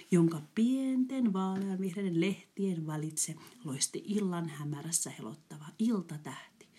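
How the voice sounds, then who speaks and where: A woman reading a fairy tale aloud in a soft, breathy voice that often drops to a whisper. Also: fairly low pitch. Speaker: storyteller.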